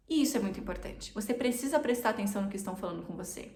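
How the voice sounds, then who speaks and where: A woman's voice: medium pitch, expressive, racing, darkish tone, reverberant. A Brazilian woman with a Brazilian Portuguese accent, teaching an online English lesson in a chatty way and repeating her points for emphasis.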